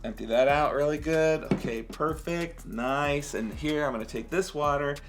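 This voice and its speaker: A man in his thirties hosting a children's science show with an excitable, theatrical manner, like a kids' party magician. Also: a little high, moderate pace, background noise. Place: kitchen indoors.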